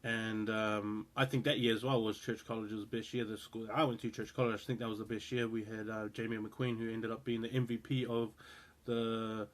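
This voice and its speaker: A rugby show host in his thirties with a New Zealand accent gives his opinion casually to the camera, rambling with frequent fillers and restarts. He has a fairly low voice, a flat delivery and a moderate pace.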